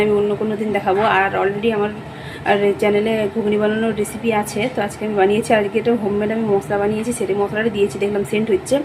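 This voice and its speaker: A woman's voice: mid-range voice, background noise. A middle-aged woman talking casually through a home vlog as she cooks and tidies, chatty and complaining, often correcting herself mid-word. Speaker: cooking vlogger. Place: at home, kitchen and rooms.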